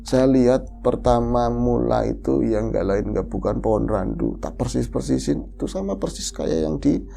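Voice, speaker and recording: A woman host retelling a listener's ghost story in the first person, lively and animated, acting out the quoted voices. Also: a bass voice, normal speed, creaky, faint music behind. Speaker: horror story podcast host.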